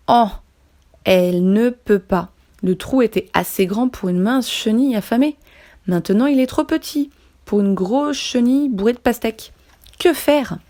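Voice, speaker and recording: A French woman reading a children's picture book aloud with lively, expressive storytelling. She paces the tale for young listeners, leaning into its funny moments. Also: medium pitch. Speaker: after-school childcare worker.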